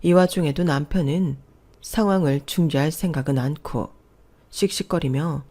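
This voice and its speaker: A woman calmly narrating a scripted first-person story. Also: sits low, normal speed.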